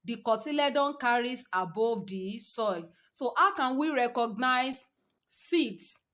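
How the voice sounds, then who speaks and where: A woman's voice: fairly high pitch, expressive, slow pace, bright, forceful tone, far from the mic. A woman with a Nigerian English accent teaching a biology exam-prep lesson, often repeating herself and asking "what?" before answering her own question. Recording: echoey room, voice from afar.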